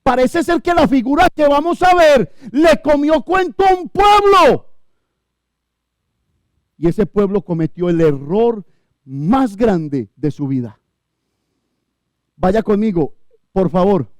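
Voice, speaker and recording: Man, Colombian accent, pastor, emphatic sermon, high voice, dry sound. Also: animated, measured pace, no echo. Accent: Colombian Spanish. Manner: emphatic preaching, swinging between loud high bursts and low quiet stretches. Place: church.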